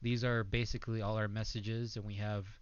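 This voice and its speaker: A man reads a text adventure aloud with loud shouted character lines, then explains his code hesitantly with many fillers. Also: on the low side, little pitch movement, a little fast, clean tone, no echo, muffled recording. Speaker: student presenting a coding project.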